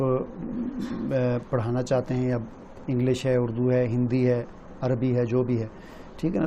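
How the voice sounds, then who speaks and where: Male tutorial narrator, dark mellow voice, patient step-by-step delivery, faint noise behind. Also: mid-range voice. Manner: explains step by step, often adds "theek hai?". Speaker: tutorial presenter. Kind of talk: screen-recorded walkthrough.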